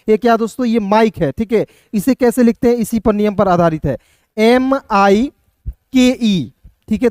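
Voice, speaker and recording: A man's voice: high-pitched, a little mellow, clean tone, dry recording. A man teaching English reading in a lesson video, spelling out words letter by letter and addressing viewers as friends. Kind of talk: classroom-style lesson for video.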